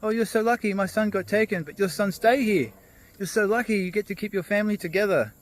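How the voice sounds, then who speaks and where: A man voicing an excitable male neighbour who gushes in dramatic exclamations while retelling a fable. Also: fairly high pitch, a little slow, voice pushed up. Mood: exclaiming.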